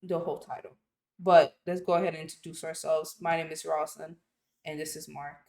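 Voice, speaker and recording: A woman's voice: low voice, fairly even intonation, fairly quick, gravelly, darkish tone. A woman hosting a reaction video in casual chat, talking loosely with slang and frequent laughter. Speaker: reaction channel host.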